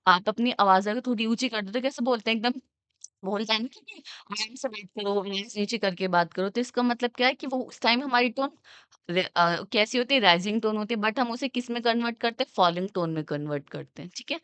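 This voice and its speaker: A young woman teaching an exam-prep lesson. She explains with everyday examples she acts out, reads definitions slowly, and keeps checking "okay?". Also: a little high, a bit bright, smooth, no echo. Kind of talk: exam-prep lecture mixing Hindi and English.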